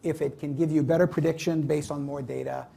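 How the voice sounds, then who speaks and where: A man explaining things as an academic panelist in halting, emphatic phrases. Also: a little high, steady tone, creaky, mellow. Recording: live panel with background noise.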